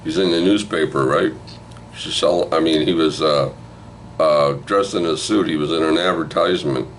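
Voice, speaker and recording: An older man with an extremely deep, low-pitched voice recaps a film for his video channel. He rambles loosely, swears freely and keeps checking in with the listener. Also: moderate pace, a little hiss or hum. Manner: rambling and profane, with frequent "right?" asides. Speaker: movie review host.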